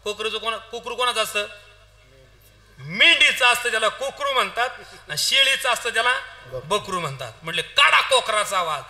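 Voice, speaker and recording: Bright, high-voiced male kirtan preacher. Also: moderate pace. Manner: animated storyteller, acts out characters' lines, addresses audience directly. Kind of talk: humorous kirtan storytelling sermon.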